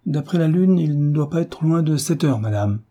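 A man reading the part of a sturdy farmer guiding a lady, steady and respectful. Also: fairly high pitch, moderate pace, dull audio, voice pushed up. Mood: reassuring. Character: sturdy, calm, dutiful male farmer guide.

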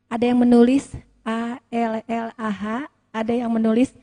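A woman in the audience politely asking a preacher a question, measured and careful, spelling out letters. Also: a little high, monotone, mellow. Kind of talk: polite spoken question at a lecture.

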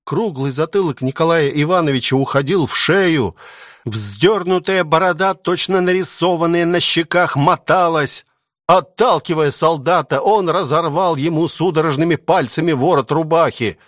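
A man narrating a novel as an audiobook, reading in an expressive, animated way. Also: fairly high pitch, moderate pace, no room sound, studio quality. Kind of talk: scripted literary narration.

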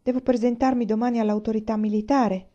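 A woman reading the lines of a kind, easygoing young man, dropping a little lower and softer for him, on a dull lo-fi recording. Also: steady tone, fast, lightly acted. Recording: dull lo-fi sound.

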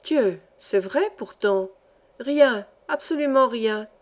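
A greedy old peddler man wheedles and fawns in an insistent sing-song, as a woman reading a story puts him on, with a voice pitched a little high. The coaxing never lets up. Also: measured pace, lightly acted. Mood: wheedling.

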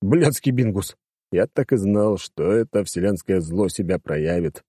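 A man's voice: low voice, moderate pace, mellow, no echo, clean studio sound. A man reading a first-person audiobook in a casual, crude, wisecracking manner. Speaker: audiobook narrator.

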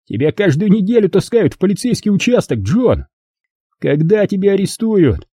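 Male reader voicing a loud, sneering teen bully; high-pitched, lively, husky. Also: moderate pace, no room sound, studio quality, heavily acted. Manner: mocking, theatrical taunting. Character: sneering teenage boy bully, loud and crude.

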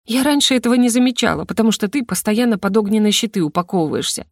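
A woman voicing a gentle, worried young female elf healer who speaks softly and pleads, in an audiobook. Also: on the high side, expressive, quick pace, no echo, studio quality. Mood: earnest. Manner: soft and pleading. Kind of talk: audiobook character reading.

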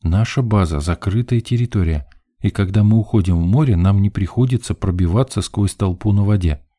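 Low-voiced wry male audiobook narrator. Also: brisk, dark tone, no room sound, studio quality. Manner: wry, ironic first-person storytelling.

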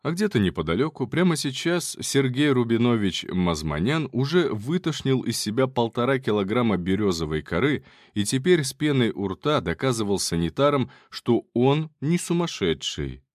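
A man's voice: mid-range voice, sing-song, normal speed, few pauses, dry recording, studio quality. A man giving casual first-person audiobook narration in a wry, colloquial manner.

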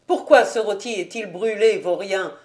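A woman's voice: medium pitch, expressive, moderate pace, a little mellow, lightly acted. A woman reading a storybook aloud and voicing a bold, fierce old mother-in-law with a defiant, cool-headed manner.

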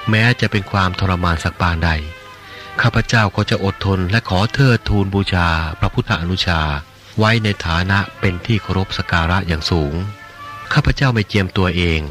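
A man voicing a grieving, lovesick young nun in an audiobook reading of a religious novel, pleading slowly through sobs. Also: sits low, fairly bright tone, faint music behind. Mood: pleading, tearful. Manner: slow, sobbing, pleading.

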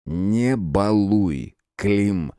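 A man voicing a stern, dry police investigator in an audiobook, measured and curt. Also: fairly low pitch, sing-song, darkish tone, no echo.

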